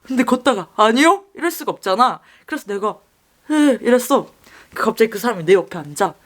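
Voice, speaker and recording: A woman's voice: medium pitch, fast talker. A young woman casually telling creepy personal stories while doing her makeup, acting out the people in them. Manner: lively, mimics the people in her story. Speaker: storyteller.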